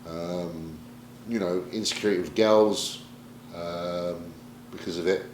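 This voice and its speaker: Deep-voiced British bodybuilder, frank and emotional, in an echoey room. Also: male voice, steady tone, slow, a little hiss or hum. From Britain. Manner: emotional, reflective, swears casually. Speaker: pro bodybuilder guest. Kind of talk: candid sit-down interview. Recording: roomy echo, faint ambience.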